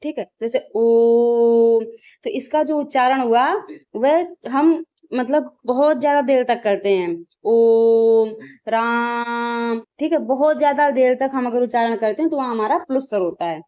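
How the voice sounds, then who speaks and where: A woman's voice: sits high, brisk. Woman teacher drilling vowel sounds. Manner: repeats "ठीक है" as a check-in, drills sounds aloud; asks questions and answers them herself. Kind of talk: exam-prep grammar lesson. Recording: slightly dull lo-fi audio.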